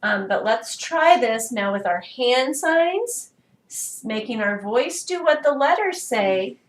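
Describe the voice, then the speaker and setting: A woman's voice: on the high side, big pitch swings, slow, echoey room, distant mic. A woman teaching a children's music lesson, explaining patiently step by step.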